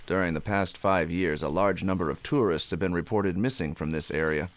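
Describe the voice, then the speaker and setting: A man's voice: low-pitched, brisk, close to an everyday voice. A man voicing a confident, blunt homicide lieutenant in an anime dub, assured and matter-of-fact. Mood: grave.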